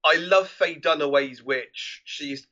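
A man's voice: a little high, takes it slowly, bright, forceful tone. A man co-hosting a podcast, chatting casually about films in an amused, easygoing way. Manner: chatty and amused, laughs often. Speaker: podcast co-host. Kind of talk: casual film review chat. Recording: dull lo-fi mic.

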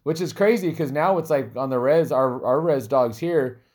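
A man's voice: medium pitch, normal speed, darkish tone. Guy hosting a laid back podcast chat, jokey. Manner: joking, acts out imagined remarks. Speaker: podcast host. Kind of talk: casual conversational interview.

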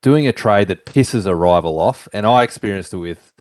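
A man in casual podcast chat, talking in a relaxed, approving way. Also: on the low side, normal speed, dry recording.

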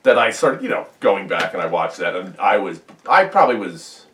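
A man's voice: low-pitched, big pitch swings, moderate pace, fairly bright tone, far from the mic, slight background noise. A man co-hosting a casual film chat, rambling and laughing through crude jokes. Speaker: podcast co-host. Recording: echoey room, a bit off mic.

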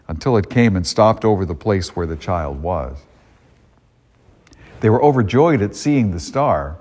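A man's voice: low-pitched, a little mellow. A man, a priest, reads the gospel and then preaches in a conversational way, often restarting his sentences, with a cathedral-like echo around him. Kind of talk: gospel reading and homily. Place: church. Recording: long church reverb.

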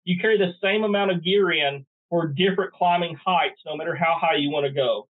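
A man's voice: fairly high pitch, a little fast. A middle-aged man, a guest in a podcast interview, folksy with dry sarcastic humor. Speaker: guest bowhunter. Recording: tinny phone line.

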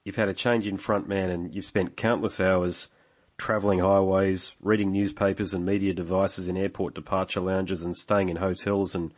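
A man with a fairly low voice and an Australian accent speaks as a podcast interviewer. His manner is blokey and informal, like a tradesman chatting to a mate, with plenty of local slang. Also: level tone, moderate pace. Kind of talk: casual phone interview.

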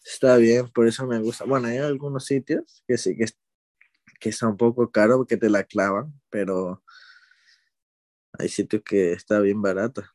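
In casual conversation, a young Ecuadorian interviewee speaks at a moderate pace in a medium-pitched voice, rambling a little in a relaxed way and hesitating or correcting himself as he goes. Clean studio sound, no room sound.

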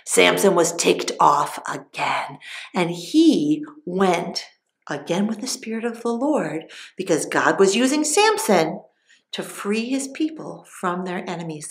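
Animated woman telling a Bible story. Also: mid-range voice. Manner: animated, dramatic asides. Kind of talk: expressive story narration. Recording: roomy echo.

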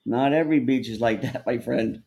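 A man hosting a call-in show, teasing callers with quick comebacks. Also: mid-range voice, vocal fry, warm tone, roomy sound, slight background noise. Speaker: host. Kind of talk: casual podcast banter.

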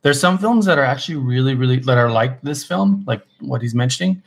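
A man's voice: mid-range voice, a little fast, gravelly. A man in the middle of his range, chatting loosely as a podcast co-host. He talks with easy enthusiasm, trailing off and restarting his sentences often. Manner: relaxed, many fillers and restarts, enthusiastic recommendations. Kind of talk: casual chat.

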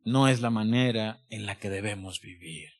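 A man's voice: on the low side, normal speed. A middle-aged man preaching a sermon, putting repeated questions to the congregation and reading scripture aloud in formal old-style wording. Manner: repetitive, questions the congregation directly.

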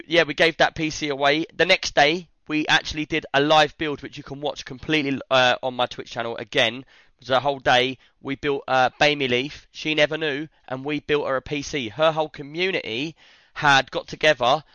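A British man with a hoarse, worn-out voice, chatting casually as the host of a livestream. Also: on the high side, steady tone, moderate pace, hardly any pauses, pushed and bright, dry recording. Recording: slightly dull, lo-fi stream audio.

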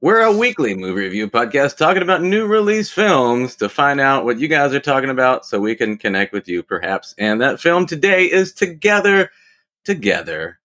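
A man co-hosts a weekly movie review podcast, setting up the film and guest. He makes deadpan quips. His pitch swings widely as he talks. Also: normal speed. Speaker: podcast co-host. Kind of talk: casual movie review chat.

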